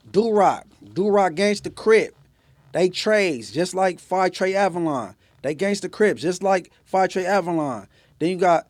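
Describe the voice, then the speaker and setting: A man's voice: high voice, dry recording. A male host giving laid-back commentary while chewing gum. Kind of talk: casual commentary.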